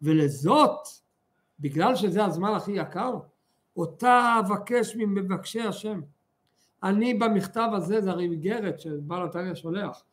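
Male Torah teacher, higher voice, animated and fervent, leans hard on key words. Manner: animated, fervent, drawn-out emphasis. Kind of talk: religious lesson with storytelling.

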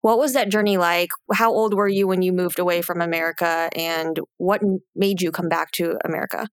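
A woman's voice: on the low side, fairly even intonation, fairly quick, clean tone, no echo, studio quality. A woman hosting a podcast interview, talking in a chatty way with many "like" fillers. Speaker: podcast host. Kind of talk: casual interview chat.

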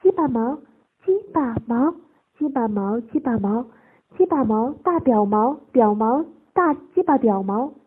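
A woman voicing a female bank manager in her forties, shy turning eager, speaking in breathless high-pitched bursts. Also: lively intonation, unhurried, breathy edge. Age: 40s. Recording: tinny phone-like lo-fi audio.

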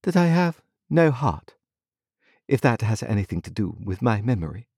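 A man's voice: a little high, very animated, moderate pace, a little mellow, breathy edge, dry recording, clean studio sound, voice pushed up, exaggerated voice. A man voicing a cold, proud young woman with a disdainful, composed manner in a storybook reading. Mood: haughty.

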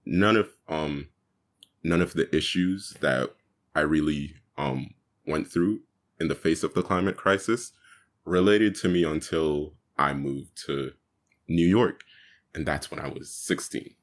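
Deep-voiced young man from Jamaica. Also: measured pace. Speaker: guest youth activist. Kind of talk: casual interview talk.

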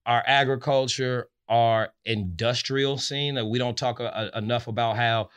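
A man's voice: mid-range voice, steady tone, moderate pace, fairly bright tone, clear, resonant tone. A man, a DJ and radio host talking casually as a podcast guest, using streetwise slang and rhythmic, hype-style self-promotion.

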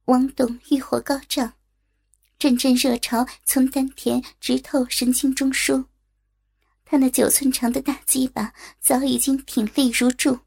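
High-voiced woman narrating a story, slight fry. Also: flat delivery, unhurried, darkish tone. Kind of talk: read-aloud erotic story narration.

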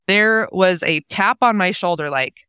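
A woman in her forties tells a heartfelt story in a bright, crisp voice. She acts out each person's lines as she goes. The sound is dry and close. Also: fairly low pitch, measured pace, no echo. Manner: emotional, acts out quoted dialogue. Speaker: guest, nonprofit co-founder. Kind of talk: casual conversational storytelling.

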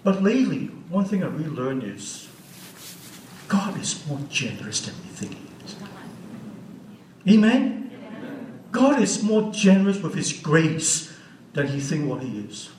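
A sixty-year-old man speaks earnestly to a church crowd, working without a script and turning to the audience with questions. His slightly higher voice rings through a roomy hall, heard from some distance away with a faint hiss underneath. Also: big pitch swings, measured pace, long pauses, a little mellow. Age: 60s. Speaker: guest speaker. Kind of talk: church teaching talk.

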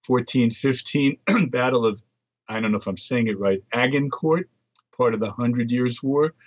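At normal speed and medium pitch, an older Dutch man chats casually as a market research guest on a phone interview, reading long strings of dates aloud. There's no echo on the recording.

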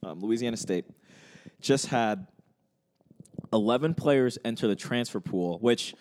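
A young man in easy, casual sports talk. His voice sits at a middling pitch and his delivery is loose and chatty. It is full of "um"s and restarts as he trades opinions with a friend. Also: measured pace, slight background noise. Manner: relaxed, chatty, frequent fillers and restarts. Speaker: podcast co-host.

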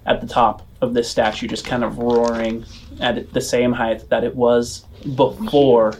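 A man's voice: medium pitch, flat delivery, measured pace, a little mellow, a little hiss or hum. A man narrating as game master of a tabletop game, rambling with many fillers and restarts.

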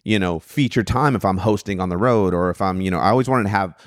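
Man, lowish voice, dry close mic, animated storyteller, swears a lot. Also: quick pace, dry recording. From Sacramento area. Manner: animated storyteller, acts out quotes, swears freely. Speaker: comedian guest. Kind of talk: casual podcast storytelling.

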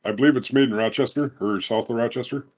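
A man's voice: medium pitch, fast, darkish tone. Laid-back man in casual podcast chat. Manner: laid-back, laughs often. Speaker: podcast co-host.

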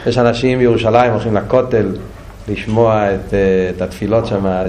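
A man teaching a Torah class, asking questions and repeating phrases, moving between a raised, urgent delivery and a low, quiet one. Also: fairly even intonation, slight background noise.

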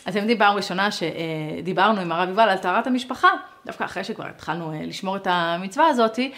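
Animated woman teaching a lesson. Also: medium pitch. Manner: animated, acts out quoted dialogue; conversational, speaks straight to listeners.

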